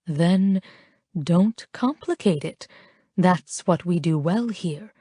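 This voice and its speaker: A woman putting on a worldly Frenchwoman, slow and mellow. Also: lowish voice, animated, breathy edge, no room sound, clean studio sound, heavily acted. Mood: persuasive.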